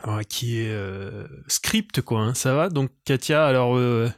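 A man riffs as comedian and podcast host, wandering off on crude tangents and laughing at himself. His voice sits at a middle pitch. The sound is dry and close, with no room echo. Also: slow. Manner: digressive, self-mocking, crude. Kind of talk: rambling comic monologue.

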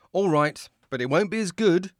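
A man's voice: sits high, no room sound, clean studio sound. Showman-like male podcast host. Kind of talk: scripted comedy banter.

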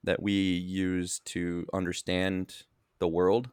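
Male podcast co-host, very deep dry voice, halting and self-correcting, has hiccups. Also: level tone, darkish tone, smooth, dry recording. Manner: halting, restarts and self-corrections, reads search results aloud. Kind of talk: casual chat.

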